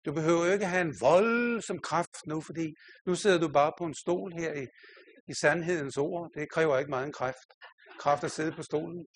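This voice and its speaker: Older male preacher, a bit high-pitched, anecdotal sermon, self-deprecating and chuckling. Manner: storytelling, self-mocking, laughing often. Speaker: pastor.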